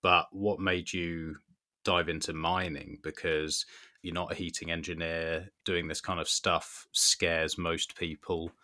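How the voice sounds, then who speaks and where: A man's voice: low voice, little pitch movement, unhurried, sharp tone. A man hosting a podcast interview, asking engaged, encouraging questions. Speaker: podcast host. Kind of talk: conversational interview.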